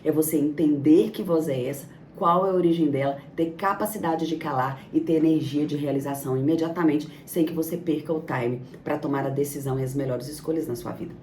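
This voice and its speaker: Low-voiced woman coaching emphatically. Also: fairly even intonation, brisk, few pauses, a little mellow, far from the mic, a little hiss or hum. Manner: emphatic, piles up lists and rhetorical questions. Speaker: motivational coach. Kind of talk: motivational self-help talk. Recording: echoey room, off-mic, faint ambience.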